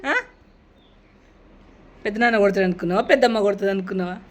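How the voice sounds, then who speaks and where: A woman's voice: mid-range voice, steady tone, fast. A woman, teasing and coaxing a kid after a prank, pressing him with questions. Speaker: prank vlogger. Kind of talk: casual teasing chat.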